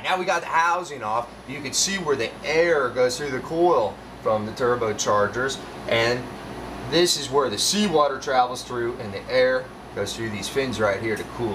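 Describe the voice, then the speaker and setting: Plain-spoken mechanic in an echoey engine room. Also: male voice, medium pitch. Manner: plain-spoken, hands-on walkthrough. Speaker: marine mechanic showing his work. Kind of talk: casual how-to explanation. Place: yacht engine room, indoors. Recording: echoey engine room, distant from mic, steady machine hum.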